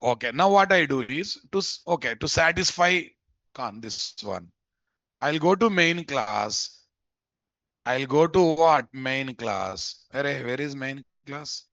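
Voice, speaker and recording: A man's voice: mid-range voice, expressive, slow pace, a bit bright, no echo, lo-fi sound. A man with a Telugu Indian accent teaching a live coding lesson as an informal instructor, repeating phrases and checking understanding with questions. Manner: informal, addresses learners familiarly. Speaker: programming instructor.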